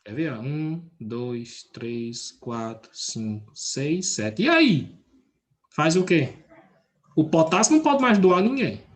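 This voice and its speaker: A man's voice: a little high, big pitch swings, slow. A man teaching a chemistry class, using everyday analogies and regularly asking named students questions. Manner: checks in with students by name and asks frequent questions. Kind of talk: live class explanation.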